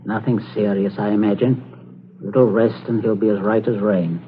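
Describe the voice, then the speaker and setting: An actor playing a fussy, genteel householder who chatters and stammers nervously, in 1940s radio acting style. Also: male voice, on the low side, fairly even intonation, normal speed, natural voice. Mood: genial. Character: genteel English householder, fussy and falsely cheerful. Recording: tinny old radio broadcast, faint hiss.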